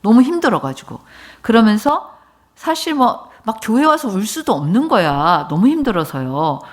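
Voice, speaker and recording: A woman's voice: fairly high pitch, very animated, moderate pace. A woman pastor giving a sermon, telling a personal story in an informal, conversational way and speaking directly to her congregation. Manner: informal, conversational speech mixed with polite forms.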